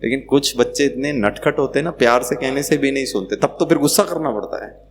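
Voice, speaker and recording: A man giving a playful, animated spiritual talk to a live audience, acting out quoted voices. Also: medium pitch, a little fast, noisy background. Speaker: spiritual speaker.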